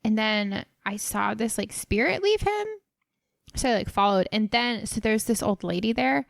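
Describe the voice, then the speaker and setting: A woman's voice: mid-range voice, expressive, moderate pace, gravelly, no echo, studio quality, pitched below the performer's own voice. A woman voicing a scattered young valley-girl character in a tabletop role-play, packing every phrase with filler words. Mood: rambling.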